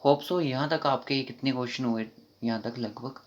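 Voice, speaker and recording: A man with a Kashmiri accent runs an online grammar class in a mid-pitched voice, explaining fast and informally. He slows right down whenever he reads an English sentence aloud. The recording is dull and lo-fi. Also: steady tone. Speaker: exam prep teacher.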